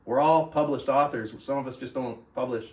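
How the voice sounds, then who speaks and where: A man with a medium pitch, steady tone, and darkish timbre speaks fairly quickly as host of a motivational book club. Earnestly conversational, he alternates between addressing listeners and reading aloud, sprinkling in "right?". The sound is roomy, with a distant mic.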